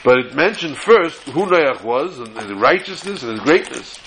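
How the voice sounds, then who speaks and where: A man with gives a religious lecture as a rabbi, reading and explaining texts deliberately and repeating phrases for emphasis. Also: mid-range voice, very animated, background noise. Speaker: rabbi giving a Torah lesson.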